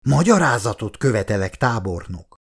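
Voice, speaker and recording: An enraged old minister who shouts and blusters, as a male audiobook narrator puts him on. His voice sits higher and louder than the narration. He sounds indignant and overbearing. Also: very animated, slightly rough, heavily acted. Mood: furious. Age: older. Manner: shouting, outraged.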